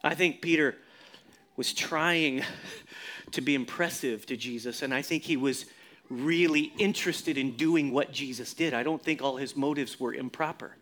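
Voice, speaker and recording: A man preaching a sermon as pastor, expressive, often dropping to a low hush for emphasis and leading the congregation in responses. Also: moderate pace.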